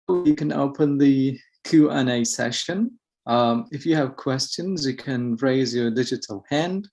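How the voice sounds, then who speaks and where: A man's voice: mid-range voice, darkish tone. A man moderating an online seminar, thanking the speaker and opening questions with some hesitation. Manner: hesitant, with fillers and restarts.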